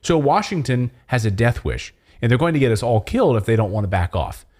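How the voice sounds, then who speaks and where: A man's voice: mid-range voice, expressive, fairly quick, a little mellow. A man hosting opinionated political commentary, speaking in a conspiratorial, distrustful way with sarcastic, mocking asides. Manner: conspiratorial, alarmed distrust of officials and media. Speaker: host of a political commentary show. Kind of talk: opinionated news commentary to camera.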